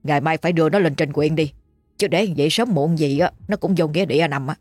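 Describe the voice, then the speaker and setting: Heard first is a low, husky voice, as a woman plays a stern middle-aged village husband. He is gruff and dismissive, and it comes across as a storybook reading. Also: quick pace, darkish tone, dry recording, soft background music.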